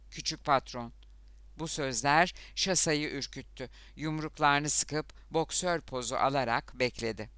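Bright, smooth male audiobook narrator. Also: medium pitch, no room sound. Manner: steady dramatic reading, lifts voice for shouted quotes. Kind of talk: scripted narration.

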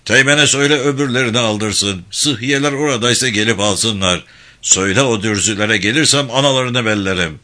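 A man's voice: medium pitch, moderate pace, bright, forceful tone, lightly acted. A man voicing a hot-tempered army captain who barks orders and curses at his men. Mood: commanding. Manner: barking, cursing, commanding.

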